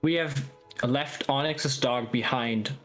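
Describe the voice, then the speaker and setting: A man's voice: medium pitch, takes it slowly, a bit bright, soft background music. A man talking casually as a player in a tabletop role-playing game.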